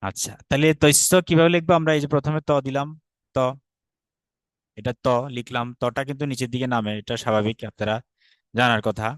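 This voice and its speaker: A man's voice: mid-range voice, fairly even intonation, brisk, no room sound. A man with a Bangladeshi Bengali accent teaching an online class, patient, repeating drills and often checking that students follow. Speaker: Sanskrit teacher.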